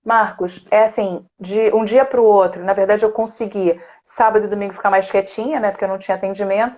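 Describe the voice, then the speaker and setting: A woman speech therapist talking in a warm, chatty way and laughing often, as a guest on a live video call. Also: on the high side, dull audio. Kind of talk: casual live chat. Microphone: computer or phone on a video call.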